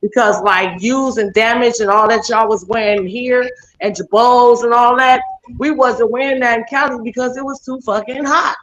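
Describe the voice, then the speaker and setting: A woman's voice: a little high, fairly even intonation, normal speed, fairly bright tone, dull audio. A woman talking in a casual group chat, rambling and swearing, often checking in with her listeners. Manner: rambling, profane, keeps saying "you know what I'm saying".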